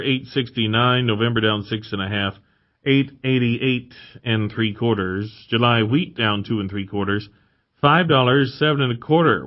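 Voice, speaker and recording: A male radio host reading out farm market prices in clipped, scripted phrases. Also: medium pitch. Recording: dull lo-fi radio audio.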